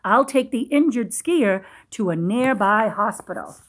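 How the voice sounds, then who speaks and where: Her voice is fairly high and animated as she reads a picture book to little kids. She pauses in a classroom manner to ask things and explain them plainly.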